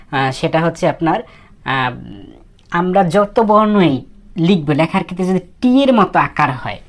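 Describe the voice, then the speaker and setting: A woman with a notably deep, low-pitched voice teaches how to write letters stroke by stroke. She talks in a casual, soft way, repeating each step and often letting her sentences fade out quietly. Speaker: Japanese language teacher. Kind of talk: casual spoken lesson.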